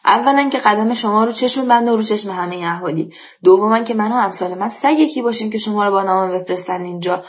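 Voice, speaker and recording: A woman's voice: medium pitch, lightly acted. A woman reading a story, voicing a talkative, hospitable older village man who speaks emphatically and airs his grievances. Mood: indignant. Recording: dull lo-fi recording.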